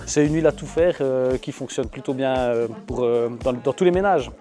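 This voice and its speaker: A man with a mid-pitched, very mellow voice explains his work casually. Music plays faintly behind the interview. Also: normal speed. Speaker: farm centre manager, interview guest.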